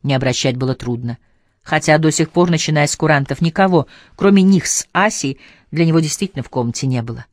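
A woman narrating a literary audiobook with a measured, expressive reading. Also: low-pitched, dry recording, studio quality.

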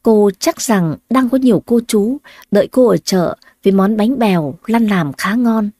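Mellow woman narrating a story. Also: medium pitch, unhurried, dry recording, studio quality. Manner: even, storybook telling.

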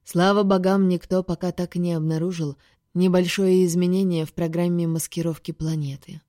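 Woman narrating an audiobook in a low, mellow voice. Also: flat delivery, normal speed, no echo, clean studio sound. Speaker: audiobook reader. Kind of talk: first-person science-fiction audiobook narration.

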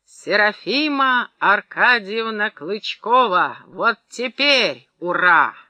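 A drunk, swaggering old gold-mine owner boasts loudly in a high, sharp voice, as a male reader puts him on. He sounds like a boastful audiobook character voice. The recording is close and dry, with no room around it. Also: lively intonation, unhurried, dry recording, exaggerated voice. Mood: roaring.

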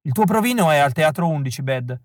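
A man's voice: a little high, lively intonation, fairly quick, no room sound, studio quality, natural voice. A man voicing a lazy, tattooed gatekeeper who chews gum and dismisses applicants, in an audiobook reading. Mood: friendly. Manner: bored and dismissive.

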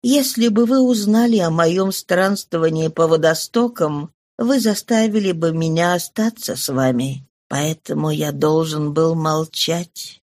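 A woman voicing a frail, humble elderly man in an audiobook reading, speaking quietly and slowly. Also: low voice, dry recording. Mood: subdued. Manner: quiet, slow, subdued.

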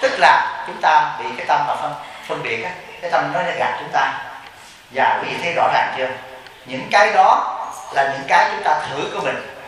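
A man's voice: fairly high pitch, moderate pace, a bit bright. A Buddhist monk with a Southern Vietnamese accent giving a storytelling Dharma talk, acting out both sides of the dialogues he recounts. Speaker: Buddhist monk and temple abbot. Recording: very echoey hall, distant mic, faint noise.

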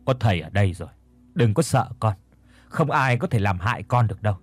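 A man voicing a calm old exorcist master with a deep, warm, soothing voice. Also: moderate pace, no echo, faint music behind, close to an everyday voice. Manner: soothing, steady.

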